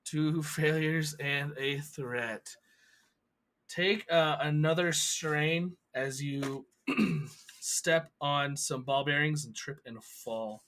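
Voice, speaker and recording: A man's voice: a little high, steady tone, slow pace, fairly bright tone, slight background noise. A man running a tabletop game as game master, describing scenes in a loose, stop-start way with fillers.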